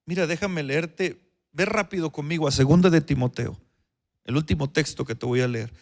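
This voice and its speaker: High, gravelly-voiced preaching pastor, man. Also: moderate pace. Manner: preaching with big swings between raised, emphatic lines and low, quiet ones; repeats phrases and asks the congregation questions. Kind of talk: sermon.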